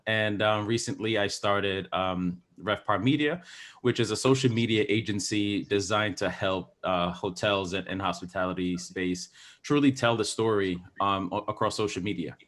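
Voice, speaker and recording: Low-voiced man, energetic panelist. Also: moderate pace. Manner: energetic, many fillers. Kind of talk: conference panel self-introduction.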